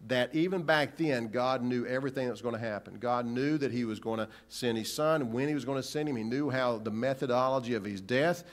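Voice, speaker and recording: A man delivers a sermon at a middle pitch, earnest and searching. He keeps posing rhetorical questions to the congregation. His phrases often halt and restart mid-thought. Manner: halting restarts. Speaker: preacher.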